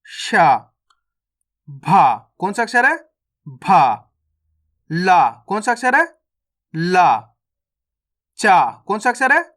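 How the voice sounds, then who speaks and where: A man's voice: high voice, sing-song, drawn-out words, pauses often, fairly bright tone. A man teaching the Hindi alphabet online, drilling each syllable and asking the viewer how to pronounce it.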